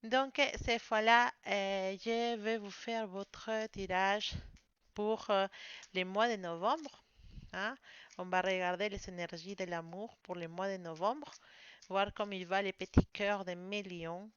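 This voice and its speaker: Une voix de femme nette et posée, née hors de France, qui parle aimablement avec de nombreuses hésitations pendant un tirage de tarot. L'enregistrement est légèrement sourd. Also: female voice, mid-range voice, fairly even intonation, measured pace, a bit bright, smooth. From outside France. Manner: apologetic, friendly, hesitant with many fillers. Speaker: tarot reader. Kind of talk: casual tarot reading to camera. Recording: slightly dull lo-fi sound.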